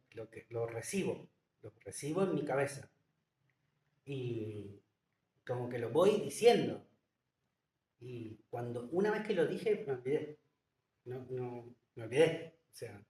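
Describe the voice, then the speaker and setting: A man, a guest in a casual interview, who talks hesitantly with many fillers and restarts. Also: medium pitch. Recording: echoey room, distant mic.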